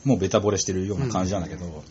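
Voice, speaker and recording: A man's voice: sits low, very fast, lo-fi sound, slight background noise. A man chatting casually and enthusiastically, retelling scenes with lots of feeling. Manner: animated storyteller, acts out quotes. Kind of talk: casual chat about a TV drama.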